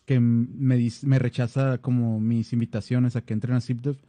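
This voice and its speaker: A man's voice: mid-range voice, flat delivery, normal speed, dark tone, no room sound. A man from Baja California with a northern Mexican accent, chatting casually as a podcast co-host. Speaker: podcast co-host, software developer. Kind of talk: casual conversational chat.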